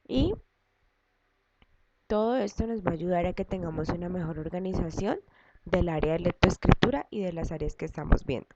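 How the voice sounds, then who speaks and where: Patient woman teacher, lo-fi noisy recording. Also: on the low side. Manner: patient, step-by-step explaining with frequent repetition. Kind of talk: recorded class lesson for students. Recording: dull lo-fi audio with loud background noise and clicks.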